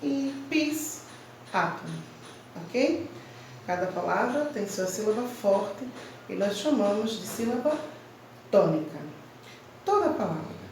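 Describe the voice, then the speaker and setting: A woman teacher giving a slow, emphatic grammar lesson to children, stressing each syllable clearly. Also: mid-range voice, very animated, far from the mic, noisy background. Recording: very echoey room, voice from off-mic.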